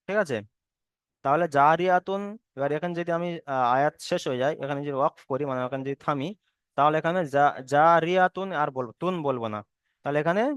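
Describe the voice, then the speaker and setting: A fairly high male voice, smooth and clear, recorded close and dry. He teaches reading rules patiently, repeating each point and drawing out chanted verses slowly. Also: fairly bright tone, no room sound. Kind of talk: step-by-step recitation lesson.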